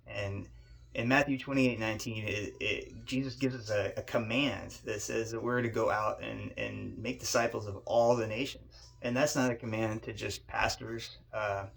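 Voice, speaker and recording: Gravelly low-voiced man telling a sermon story. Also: steady tone, normal speed, fairly bright tone. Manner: conversational storytelling, stammering repeats. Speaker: pastor. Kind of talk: short sermon message.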